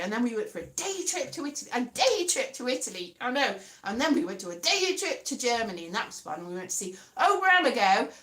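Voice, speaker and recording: A woman from Wales chats casually with a higher, slightly bright voice, rambling, correcting herself, and slipping into a playful sing-song. The room is echoey, with faint guitar music in the background.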